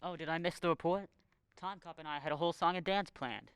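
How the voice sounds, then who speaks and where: An earnest, stubborn cop who dozes on the job, played by an actor, pleading a case with plaintive persistence. The voice is smooth and resonant at a middle pitch. A long theatre reverb hangs behind it. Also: quick pace, a bit bright, close to an everyday voice. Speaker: stage actor. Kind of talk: live stage comedy acting.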